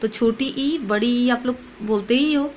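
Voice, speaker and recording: A woman teaches a class lesson in a voice that sits a little high. She asks questions and then answers them herself, often mixing in English words. A faint ambient hum sits behind her. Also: unhurried, a little mellow. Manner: mixes English words into speech.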